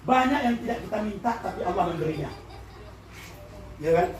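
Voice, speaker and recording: Animated Minangkabau-accented preacher in echoey hall. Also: male voice, high-pitched, a little fast. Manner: animated, asks the audience questions, often shouts and laughs. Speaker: religious teacher speaking at a school event. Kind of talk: lively interactive religious talk. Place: large indoor hall with an audience. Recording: echoey hall, far from the mic, with a crowd and noise.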